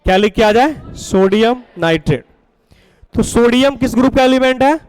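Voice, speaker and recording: A man's voice: extremely high pitch, lively intonation, normal speed, smooth, low-quality recording. A man teaching a chemistry class, coaxing students with questions and repeating their answers. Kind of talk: classroom lecture.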